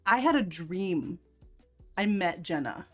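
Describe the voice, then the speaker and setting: A woman's voice: on the low side, expressive, slow, fairly bright tone, faint music behind. Giggly woman chatting on a livestream. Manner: giggly, laughs often. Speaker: livestream host. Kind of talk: casual chat while crafting.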